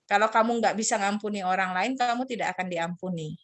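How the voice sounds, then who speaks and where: A middle-aged woman speaks to children in a relaxed, chatty sermon over a video call. Her voice sits at an everyday pitch, and she slips into high, squeaky voices to act out little quarrels. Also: fast talker. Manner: casual, acts out quarreling children and God in raised voices.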